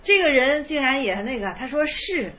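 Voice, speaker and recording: A woman's voice: high voice, very animated, normal speed. A woman teaching Chan koans in an online class, speaking colloquially, repeating phrases and acting out the dialogue. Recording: dull lo-fi recording.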